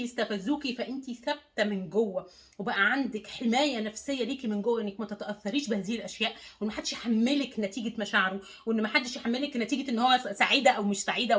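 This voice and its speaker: A woman's voice: a little high, a bit bright. A woman life coach with an Egyptian accent giving an emphatic motivational talk to the viewer, repeating words and phrases for stress. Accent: Egyptian Arabic.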